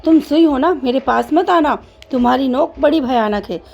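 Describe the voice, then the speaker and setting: A woman's voice: high-pitched, moderate pace, vocal fry, darkish tone, lo-fi sound. A woman voicing a proud, boastful boy who is a sewing thread in a children's story, bragging in a singsong way. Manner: boastful, singsong self-praise.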